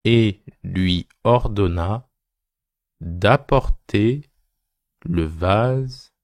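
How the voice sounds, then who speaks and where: A man's voice: on the low side, drawn-out words, darkish tone, no echo, studio quality. A man dictating a text as a teacher, phrase by phrase, repeating each short phrase and speaking the punctuation aloud.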